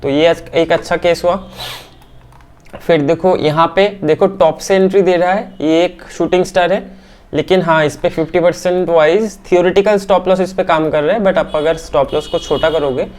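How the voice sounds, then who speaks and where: A man teaching trading as he walks through candlestick charts on screen, often checking in with his listeners and filling pauses with "aa". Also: a little high, fairly even intonation, darkish tone. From India. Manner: keeps checking in with "theek hai?"; talks through hesitations with "aa" fillers. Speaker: stock market teacher.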